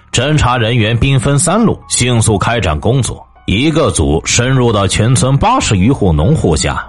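A man's voice: medium pitch, breathy edge. A man hosting a show, telling a true-crime case as scripted narration. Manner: storytelling, lively intonation. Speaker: host.

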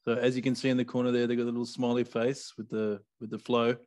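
A man's voice: mid-range voice, little pitch movement, fast, a little mellow. A man co-hosting a podcast, easygoing and fond of dad jokes. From Australia. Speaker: podcast co-host. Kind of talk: casual chat.

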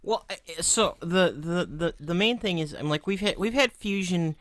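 Guy with a higher voice explaining stuff, lots of the-the-the restarts, dry mic. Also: expressive, normal speed, fairly bright tone, no room sound. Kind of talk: casual explanation.

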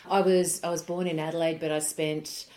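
A woman's voice: low voice, level tone, moderate pace, darkish tone. A woman with an Australian accent, from South Australia, chatting as a guest in a friendly, good-humoured interview. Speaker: guest, politician and former journalist. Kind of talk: casual conversational interview.

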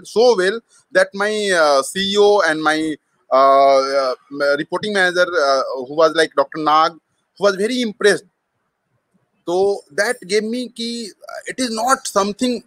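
The audio is poor but echo-free as an Indian-accented man, a startup co-founder appearing as an interview guest, recounts his story conversationally. His high voice is a bit bright, and his hesitant delivery often switches from English to Hindi partway through sentences.

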